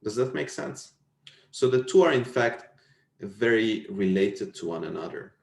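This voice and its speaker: A man's voice: fairly low pitch, animated, a little slow, gravelly. A man giving an explanatory technical lecture over an echoey video call. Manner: explanatory, checks understanding with questions. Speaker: university lecturer. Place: indoors, online video call.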